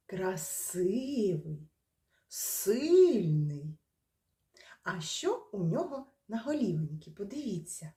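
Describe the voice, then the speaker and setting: A woman teacher speaks slowly and gently to small children in a kindergarten classroom. Her voice is mellow and lively in pitch, heard from a distance in an echoey room. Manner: slow, gentle, encouraging. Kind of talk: talking to young children in class.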